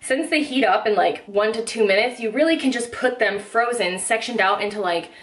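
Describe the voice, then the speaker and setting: A woman's voice: on the high side, fairly quick. A young woman filming a casual grocery haul vlog in her home kitchen, talking to the camera in an upbeat, chatty way full of "like" fillers. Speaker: vlogger.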